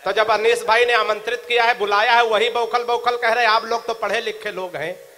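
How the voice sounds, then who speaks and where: Male comic poet, high bright voice, quick banter, slow chanted couplets. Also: steady tone. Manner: joking banter with the crowd, chanted verse. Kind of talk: stand-up comic poetry at a live recital.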